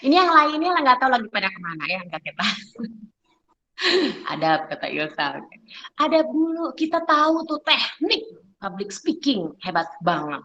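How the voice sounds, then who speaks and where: A middle-aged woman lectures on public speaking. Her talk is lively and animated, full of rhetorical questions aimed at her audience. The recording is roomy and somewhat muffled, as if captured in a hall. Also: fairly high pitch, normal speed.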